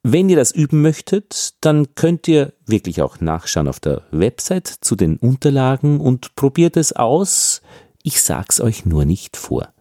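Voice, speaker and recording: A man from Austria with an Austrian accent, giving a podcast pronunciation lesson as a speech trainer and demonstrating sounds slowly. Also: medium pitch, dry recording, studio quality. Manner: explains with lively emphasis, demonstrates sounds slowly.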